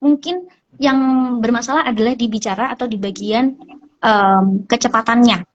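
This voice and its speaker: Casting: woman, therapist guest, higher voice, patient explainer, dull lo-fi recording. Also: moderate pace. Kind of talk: explaining on a hospital talk show.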